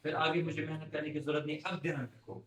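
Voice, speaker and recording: A man teaches a recitation class in a fairly high voice. He drills each word again and again at a patient pace, and his voice rings in an echoey room. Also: flat delivery, over a noisy crowd. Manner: patient, repeats words slowly to drill pronunciation.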